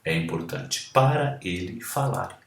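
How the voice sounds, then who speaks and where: A man's voice: sits low, expressive, measured pace, creaky. A man with a Brazilian Portuguese accent, an English teacher giving a pronunciation lesson who models words, spells them out and repeats them to explain. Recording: echoey room.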